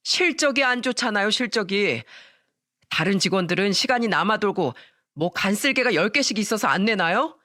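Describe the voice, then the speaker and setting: A woman's voice: medium pitch, animated, moderate pace, bright, forceful tone, dry recording. Woman playing sulky young husband, defensive, argues back, dry sound. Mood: defensive arguing. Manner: defensive, pleading then arguing.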